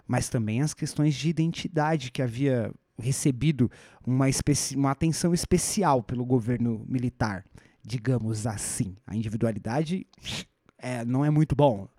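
This podcast host, who has a Brazilian Portuguese accent, talks through history in a reflective, conversational style, frequently starting sentences over and adding rhetorical asides. He has a warm, mid-range voice at normal speed, recorded dry and clean in a studio.

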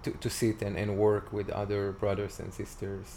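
Man, 40s, Israeli accent, low gravelly voice, hesitant casual interview talk. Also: completely flat delivery, warm tone, a little hiss or hum. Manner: halting, searching for words with many fillers. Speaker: guest.

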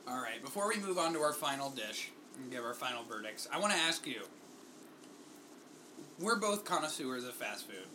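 A man's voice: mid-range voice, big pitch swings, normal speed, noisy background. A man hosting a food tasting, teasing his guest and reacting with enthusiasm. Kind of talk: casual food tasting chat.

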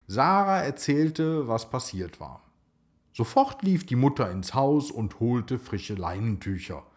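A man narrating a children's story in a slow, expressive way. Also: medium pitch.

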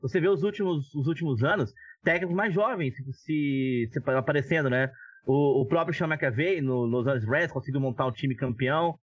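A man's voice: medium pitch, normal speed, husky, no room sound. A Brazilian man giving opinionated, casual sports analysis as a podcast commentator, on dull lo-fi audio.

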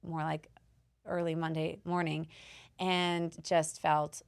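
Host role: woman, hoarse and low-pitched, chatty with easy laughs and casual swearing. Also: level tone, takes it slowly. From Canada. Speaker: podcast host. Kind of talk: casual chat.

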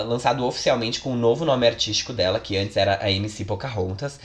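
A man co-hosting a music podcast. He reads out the new releases in an easy, chatty way. He keeps dropping in jokey asides. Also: medium pitch. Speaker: podcast co-host. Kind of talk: casual music chat.

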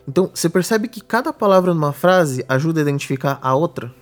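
A man's voice: a little high, animated, fast. A man with a Brazilian Portuguese accent, co-hosting a podcast and patiently explaining ideas with everyday examples. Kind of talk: casual explanatory chat.

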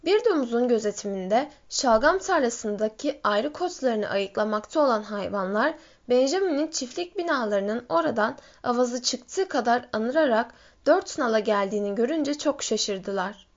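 A woman reads a story aloud in a steady, measured voice that sits somewhat high. The recording sounds dull and lo-fi. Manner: steady storytelling, lifts pitch for shouted quotes. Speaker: audiobook reader. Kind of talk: scripted narration.

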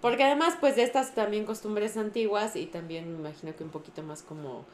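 A woman with a Mexican accent retelling a novel's plot in casual, animated chat, full of fillers. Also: medium pitch, quick pace. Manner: animated, laughs often, lots of fillers. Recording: echoey room with faint noise.

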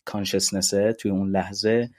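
A podcast guest, eagerly explaining ideas in casual conversation and mixing in English terms. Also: male voice, on the low side, little pitch movement, a little mellow.

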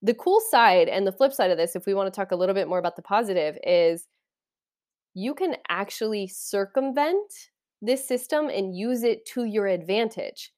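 A woman's voice: mid-range voice, expressive, moderate pace, a little mellow. Enthusiastic woman coach musing. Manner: enthusiastic, meandering, conversational. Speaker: podcast host and life coach. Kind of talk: casual spiritual talk.

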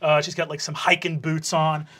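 A woman's voice: low voice, flat delivery, normal speed, fairly bright tone. A woman narrating a tabletop game as game master, rambling with lots of fillers. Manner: rambling, many fillers and restarts.

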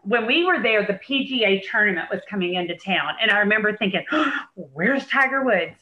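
A woman tells a story in an animated, storytelling way during a casual podcast chat. Her voice is bright. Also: mid-range voice, fast talker, lo-fi sound.

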